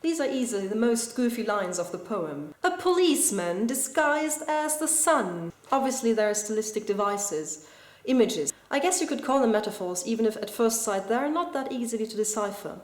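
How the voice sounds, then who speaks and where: A video blogger with a mid-range voice calmly works through a close reading of a poem in a measured, explanatory way. The scripted literary analysis is recorded indoors in a school building, in an echoey room.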